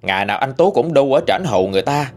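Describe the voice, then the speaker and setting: A man with a Southern Vietnamese accent telling a ghost story in a folksy, animated way. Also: quick pace. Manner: folksy, animated retelling with lively pitch swings.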